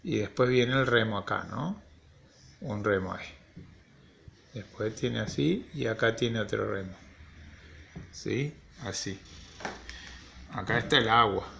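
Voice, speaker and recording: A man's voice: on the low side, a little slow, creaky, long pauses, pushed and bright, slight background noise. A man teaching young children their letters, with a patient, playful way of checking in with them. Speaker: primary school teacher. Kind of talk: children's phonics lesson at a board.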